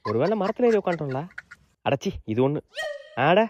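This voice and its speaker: Man in a comedy skit, animated pitch, teasing, dull sound, music behind. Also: fairly quick, noisy background.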